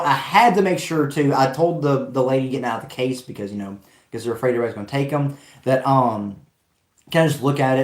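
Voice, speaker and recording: The echoey room carries the mid-range voice of a man hosting a fragrance live stream. He's chatting and rambling enthusiastically as he reads out comments, though his voice is fading from hours of talking.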